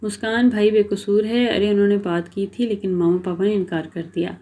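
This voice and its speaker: Angry young husband snapping at his wife, read by a woman, warm low tone. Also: little pitch movement, lightly acted. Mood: earnest.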